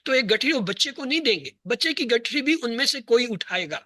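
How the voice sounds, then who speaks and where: Walking his class through Arabic grammar letter by letter, a man spells out words slowly, asking questions and then supplying the answers himself. His extremely high-pitched voice is expressive, bright and forward, recorded close and dry with no room sound.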